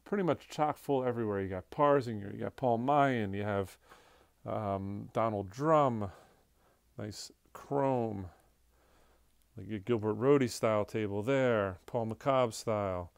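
Walking through a large indoor auction showroom crammed with furniture, a man from the auction house casually names items and lots for a preview, in an offhand manner. His lowish voice is slow, creaky and clean. Although he's filmed off screen on a handheld phone camera, the sound is clean, studio-like, with no room sound.

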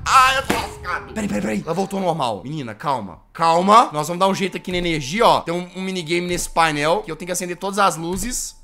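A man from Brazil giving excitable, joking commentary while playing a horror game, shouting when he gets scared. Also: sits high, quick pace, faint music behind. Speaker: gaming YouTuber. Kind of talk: let's play commentary.

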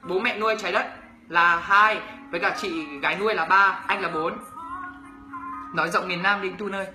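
Over background music in a roomy space, a young YouTuber from Bac Ninh, northern Vietnam, speaks in a high, steady voice at normal speed. With a Northern Vietnamese accent, he chats casually on a livestream, reading viewers' comments and questions aloud and teasing them while he answers.

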